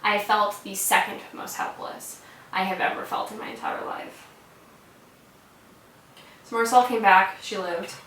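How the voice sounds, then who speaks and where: A woman's voice: mid-range voice, steady tone, measured pace, long pauses, a bit bright. A young American woman telling a personal story in a casual way, swearing freely and saying "like" a lot. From United States. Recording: roomy sound from a distant mic.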